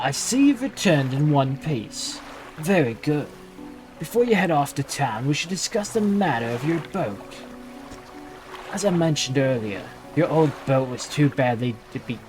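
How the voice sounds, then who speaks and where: A man voicing a smooth, businesslike town mayor in a video game, formal and measured. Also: mid-range voice, expressive, over music, close to an everyday voice. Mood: smoothly formal.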